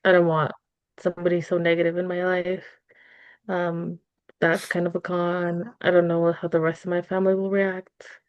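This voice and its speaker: Woman as therapy client, lowish voice, casual n hesitant, dry slightly dull sound. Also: monotone, normal speed, clean tone, no room sound. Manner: informal, hesitant, peppered with "like". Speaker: client in a therapy role-play. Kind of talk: casual, unscripted conversation.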